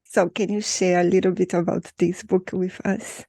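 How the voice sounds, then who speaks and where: A woman's voice: lowish voice, little pitch movement, normal speed, gravelly, dark tone, breathy edge, no echo, clean studio sound. A woman interviewer asking questions in a conversational interview.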